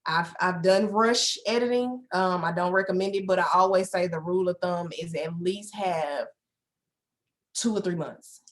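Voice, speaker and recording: A woman, a book publisher and editor giving a casual presentation on a video call, chatty and talking straight to her viewers. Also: on the low side. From Houston, Texas. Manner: chatty, many "like" fillers, talks straight to viewers. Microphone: video call microphone.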